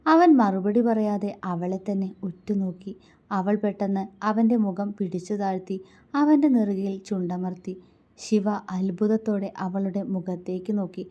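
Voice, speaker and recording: A woman storyteller giving scripted narration of a romance story, with a calm, hushed reading pace. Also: medium pitch.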